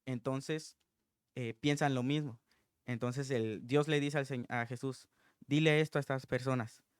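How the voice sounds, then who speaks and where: A man's voice: mid-range voice, fairly even intonation, a little slow, smooth, no room sound, clean studio sound. Male preacher, informal sermon, earnest and reflective, resonant voice. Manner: earnest, thinking aloud.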